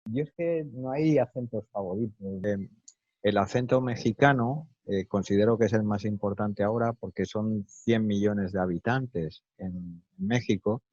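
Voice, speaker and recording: A man from Spain with a neutral Castilian accent, speaking as a guest in a relaxed interview, thoughtful and hesitant with many fillers. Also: on the low side, measured pace, no echo, lo-fi sound. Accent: neutral Castilian Spanish.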